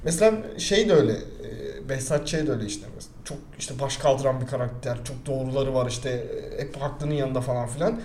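A man's voice: medium pitch, a little fast, hardly any pauses, reverberant, slight background noise. A young man chatting casually as a podcast co-host, rambling and joking as he tells stories. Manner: rambling, joking, animated storytelling. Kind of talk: casual chat.

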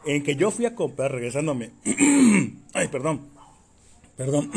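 A Mexican man from Yucatán chats on a podcast in a husky voice that swings up and down as he jokes. He swears almost every phrase and keeps clearing a scratchy throat. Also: fairly high pitch, very animated, takes it slowly, a little mellow. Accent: Mexican Spanish. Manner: crude, swears constantly, jokey. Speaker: podcast co-host. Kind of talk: casual chat.

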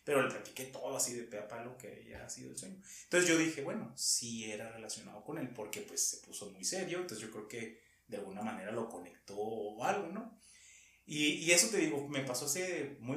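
A man with a Mexican accent telling a story in casual conversation, halting and rambling, with frequent laughs. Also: mid-range voice, animated, fairly bright tone. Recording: echoey room, far from mic.

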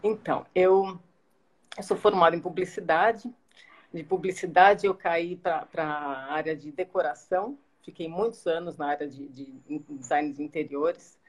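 A woman answering as a guest in a live interview over a video call, soft-spoken and hesitant with many restarts. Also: lowish voice, a little slow.

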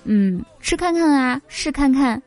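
A woman plays a cutesy, whiny speaker with an exaggerated Taiwanese Mandarin accent. The voice is fairly high and stretches its words into trailing particles, as in a comedy skit, with music playing behind it. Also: lively intonation, a little mellow. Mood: mock whiny. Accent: Taiwanese Mandarin, put on. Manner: slow drawn-out intonation with trailing particles.

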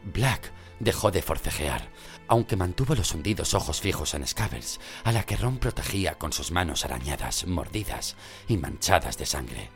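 A man reading a story aloud in an expressive, dramatic narration. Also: deep voice, normal speed, gravelly, faint music behind. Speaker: audiobook reader.

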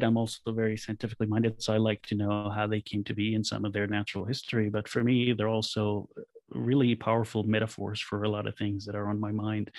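A man from Israel, a photographer, giving thoughtful, measured answers in an interview, with a few restarts. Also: on the low side, no room sound. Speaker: guest photographer.

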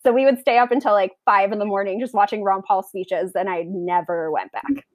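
A woman's voice: mid-range voice, fairly even intonation, fairly quick, no echo. Casting: woman in her twenties, Valley Girl accent, casual podcast guest, mid-range voice, very dry close sound. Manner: Valley Girl talk peppered with "like". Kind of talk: casual interview chat.

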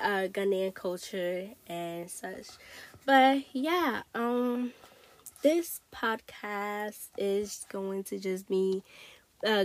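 A woman's voice: fairly low pitch, no room sound. A woman in her late teens from Togo, chatting casually and hesitantly in a rambling, informal solo podcast style. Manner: informal, hesitant, peppered with "you know" and "like". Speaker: podcast host.

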